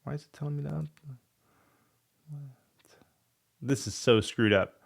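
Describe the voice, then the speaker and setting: A mid-range, gravelly and slightly rough male voice at a measured pace belongs to a coding tutorial host who has a cold and is losing his voice. He talks casually through the code, thinking aloud and muttering in frustration while debugging.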